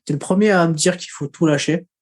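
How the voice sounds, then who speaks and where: A man's voice: fairly high pitch, fairly quick. Hesitant man hosting a podcast. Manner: hesitant, many fillers, laughs easily. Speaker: podcast host. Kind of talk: casual conversational interview.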